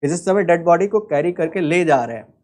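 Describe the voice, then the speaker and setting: Indian man teaching in lively lecture. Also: on the high side, brisk. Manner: explaining step by step, asking rhetorical questions. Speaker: English teacher for exam prep. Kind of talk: online lecture.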